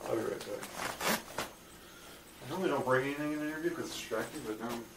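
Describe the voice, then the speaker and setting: A man's voice: medium pitch, fast talker, vocal fry, recorded from a distance. A man with a mid-range voice asks questions casually, as an interviewer would. He sounds away from the microphone, in an echoey room with faint background noise.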